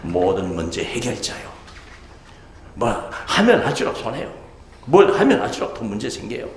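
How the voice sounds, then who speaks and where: Male pastor preaching, gravelly voice, big pitch swings, booming then hushed, echoey sanctuary with faint hiss. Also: huge pitch swings, normal speed. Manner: preaching with sudden swings from loud exclamations to soft, hushed asides; rhetorical questions to the congregation. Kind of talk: sermon. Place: church sanctuary.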